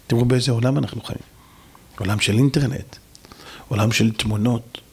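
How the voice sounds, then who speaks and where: A man's voice: mid-range voice, fairly even intonation, husky. A man, a rabbi, preaching a sermon in an emphatic style full of rhetorical questions. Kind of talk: sermon to a congregation.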